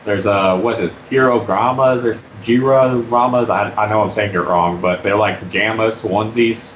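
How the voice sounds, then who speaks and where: A man being interviewed about fursuiting while wearing a fursuit head, talking in a halting, rambling way with many fillers. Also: on the low side, steady tone, reverberant, a little hiss or hum, poor audio. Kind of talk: casual interview.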